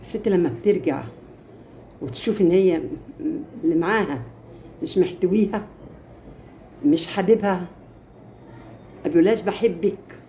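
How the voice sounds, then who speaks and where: A woman's voice: on the low side, moderate pace, long pauses, mellow, slight background noise. A woman with an Egyptian accent giving impassioned marriage advice, stressing her points by repeating phrases. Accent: Egyptian Arabic.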